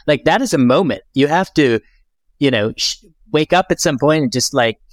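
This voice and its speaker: A man's voice: a little high, expressive, normal speed, no room sound, clean studio sound. A man interviewing in a conversational, enthusiastic and affirming way.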